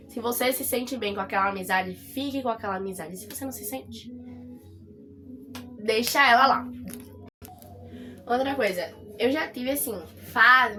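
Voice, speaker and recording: A woman's voice: fairly high pitch, sharp tone. Chatty Brazilian woman giving advice. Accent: Brazilian Portuguese. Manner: chatty, often checks in with "entendeu?" and repeats her points. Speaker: vlogger. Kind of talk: casual advice talk to viewers.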